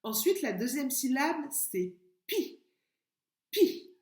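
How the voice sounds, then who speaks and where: A woman's voice: mid-range voice, animated, slow, darkish tone. Patient woman teacher sounding out letters. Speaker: kindergarten teacher. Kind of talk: remote literacy lesson for young children. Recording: echoey room.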